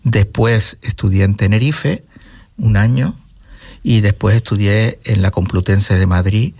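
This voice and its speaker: A man in his sixties with a lilt and a fairly low voice. He takes his time, weighing each phrase in a calm interview tone. The sound is dry and close, with no room around it. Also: gravelly, no echo. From Gran Canaria, Spain. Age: 60s. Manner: measured, thoughtful, pauses to search for words. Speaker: interview guest, nature reserve director. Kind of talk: casual interview conversation.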